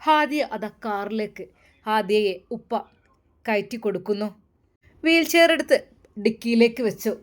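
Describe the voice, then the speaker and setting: A woman narrating a dramatic story in an expressive, emphatic way. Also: on the high side, a little slow, pauses often.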